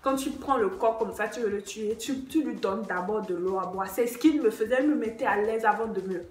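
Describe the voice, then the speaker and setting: A woman's voice: medium pitch, a little fast. A young woman, animatedly telling a true story on her vlog and acting out the dialogue. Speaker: vlogger. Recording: echoey room.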